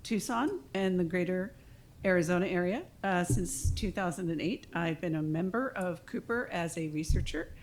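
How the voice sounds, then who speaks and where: A woman's voice: fairly low pitch, normal speed, a little hiss or hum. A woman speaking off the cuff at a public meeting microphone, hesitant, with many ums and restarts.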